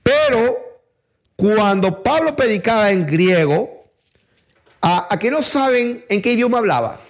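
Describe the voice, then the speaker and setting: A man's voice: high-pitched, expressive, measured pace. A middle-aged man preaching a sermon in an emphatic way, putting rhetorical questions to his congregation.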